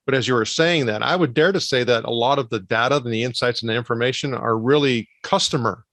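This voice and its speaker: A man hosting a podcast interview, asking long, winding, measured questions. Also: mid-range voice, a bit bright, no echo. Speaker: podcast host. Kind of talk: casual interview conversation.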